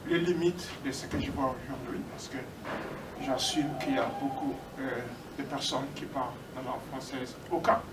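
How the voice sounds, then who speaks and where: A middle-aged man giving an informal speech as a guest, haltingly, with many hesitations and repeated words. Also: medium pitch, steady tone. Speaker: guest speaker. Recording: noisy echoey room, distant microphone.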